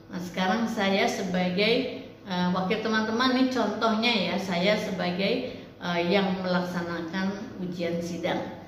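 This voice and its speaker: A woman lecturer giving an online lesson, speaking slowly and deliberately with frequent fillers. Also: medium pitch, fairly even intonation. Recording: echoey roomy sound with faint noise.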